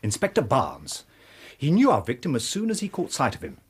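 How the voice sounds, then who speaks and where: A Victorian English police inspector in a radio drama. His voice is husky and swings freely in pitch. He is blunt, sceptical and rather pompous. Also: huge pitch swings, fairly quick, exaggerated voice. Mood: pompous, explanatory. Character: bluff, self-satisfied Victorian English police inspector, plain-minded and sceptical.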